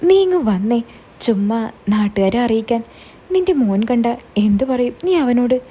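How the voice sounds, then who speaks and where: A woman's voice: a little high, animated, moderate pace, slightly rough. A woman voicing a kindly, protective older man. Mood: persuading. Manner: gentle, consoling. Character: kindly middle-aged man, protective and reassuring. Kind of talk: storytelling, quoted dialogue.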